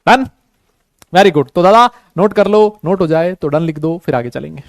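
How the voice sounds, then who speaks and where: A man teaching a chemistry class online. He talks slowly and easily, mixes Hindi with English terms and keeps quizzing his students. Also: on the high side, no echo. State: has a headache.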